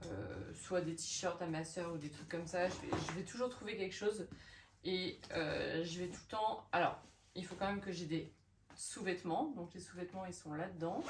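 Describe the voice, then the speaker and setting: A woman in her thirties chatting casually in a vlog, expressive and full of fillers. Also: on the low side, moderate pace, background noise. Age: 30s. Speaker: vlogger.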